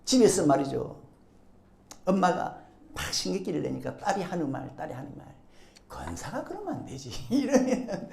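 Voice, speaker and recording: Animated male pastor preaching. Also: high-pitched, gravelly. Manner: animated, acts out quoted speech, keeps prompting the congregation. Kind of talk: sermon. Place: church sanctuary. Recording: echoey church hall.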